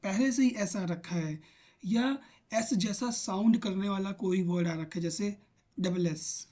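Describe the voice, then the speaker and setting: Male teacher, unhurried and patient, walks pupils through examples one by one. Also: high voice, warm tone. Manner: patient, repeats examples aloud; talks while typing on screen. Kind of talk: online grammar lesson.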